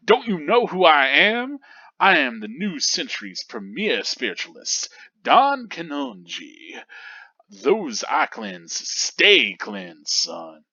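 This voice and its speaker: A man voicing a flamboyant, boastful showman spiritualist who makes drawn-out, theatrical proclamations. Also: fairly high pitch, huge pitch swings, sharp tone, slightly rough, no room sound, full character voice. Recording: dull lo-fi recording.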